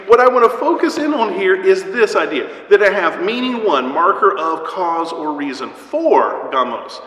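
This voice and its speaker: A man's voice: high-pitched, big pitch swings, moderate pace, a bit bright. A man teaching a Bible study class at church, explaining things step by step and often checking in with "right?" and "okay?". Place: church hall. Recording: echoey hall with long reverb.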